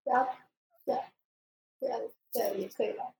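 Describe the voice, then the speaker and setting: A woman's voice: a little high, fairly even intonation, a little fast, gravelly, darkish tone. A young woman, co-hosting a podcast, talking in a rambling, hesitant way with many restarts. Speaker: podcast co-host, social media manager. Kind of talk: casual chat.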